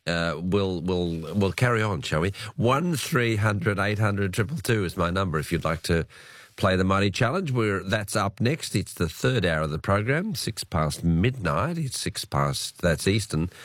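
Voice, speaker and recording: Croaky, low-pitched Australian male radio host. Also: lively intonation, normal speed, fairly bright tone, no room sound. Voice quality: croaky, creaky voice. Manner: chatty, conversational, with tag questions. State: slight cold. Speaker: late-night radio host. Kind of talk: casual live radio talk. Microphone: close radio studio microphone.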